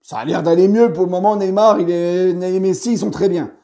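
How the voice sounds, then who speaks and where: A man with a hoarse voice giving a heated post-match debrief as a football fan, animated and swearing freely. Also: sits high, fairly quick. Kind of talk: post-match vlog rant.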